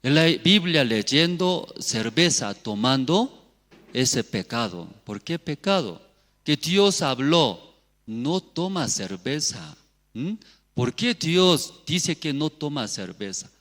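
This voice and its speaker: A male pastor whose first language is Korean delivers a sermon in short, broken phrases, constantly checking in with his listeners through rhetorical questions. His pitch rises and falls widely while the pace stays slow and unhurried. The voice rings out through a church hall with a long reverb tail. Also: very animated, fairly bright tone.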